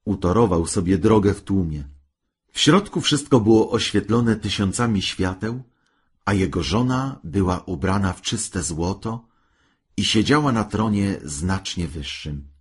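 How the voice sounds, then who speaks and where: Man, fairy-tale storyteller, low pitch, lively melody, husky breathy voice, slow reading.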